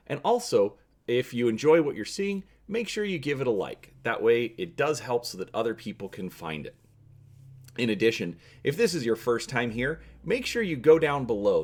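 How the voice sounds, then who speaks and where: Guy with a lowish voice hosting a story reading, theatrical and emphatic. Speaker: host and narrator of a story channel. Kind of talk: dramatic reading of an adventure story.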